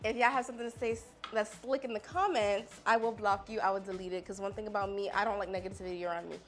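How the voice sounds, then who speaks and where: Casting: woman, mid-twenties, chatty and sassy beauty vlogger, medium pitch, soft music underneath. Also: fairly even intonation, fast. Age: 20s. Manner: chatty, sassy, talks straight to viewers. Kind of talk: casual makeup haul chat.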